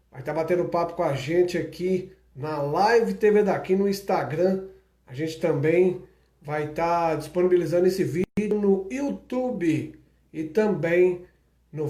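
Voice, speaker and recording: A man's voice: sits high, dark tone. A man hosting a live-stream interview, friendly and reading out lists, speaking over a video call. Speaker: interview host. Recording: echoey room.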